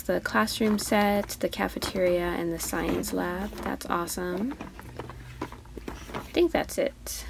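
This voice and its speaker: A woman's voice: medium pitch, vocal fry, darkish tone, slight background noise. A woman vlogging a toy hunt in a store, chatting casually and gushing over each toy she spots. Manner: chatty, easily delighted, gushing over toys.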